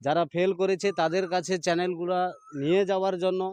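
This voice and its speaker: A man playing a parody news anchor, an excitable, mock-earnest TV reporter, wordy and repetitive. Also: sits high, fast talker, very noisy, lightly acted. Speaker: host of a parody news show. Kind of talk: parody news anchor, live street interview.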